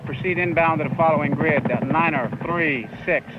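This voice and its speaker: A man's voice: a little high, normal speed. A man giving clipped, hesitant radio instructions as a forward air controller over a military radio transmission. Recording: muffled radio over loud noise.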